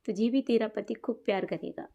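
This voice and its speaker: A woman's voice: on the high side, fairly quick, mellow, muffled recording, natural voice. A woman voicing an easygoing young wife in a spoken story, breezy and casual.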